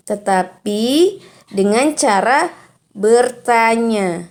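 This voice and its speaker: A woman teacher records a lesson for young children, explaining slowly and patiently and reading example sentences with exaggerated intonation. Her voice is fairly high in pitch and a little mellow.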